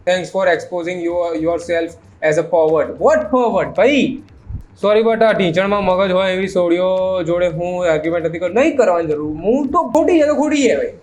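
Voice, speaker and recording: A man's voice: sits high, a little mellow, a little hiss or hum. A man hosting a meme reaction video, ranting sarcastically and mocking clips, mixing English phrases into his talk. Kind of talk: casual reaction commentary.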